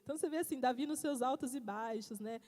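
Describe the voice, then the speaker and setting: A woman preaching a church sermon on marriage, animated and laughing as she tells stories. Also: sits high, fast talker. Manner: animated, storytelling, laughs often. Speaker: pastor's wife preaching. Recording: church hall reverb.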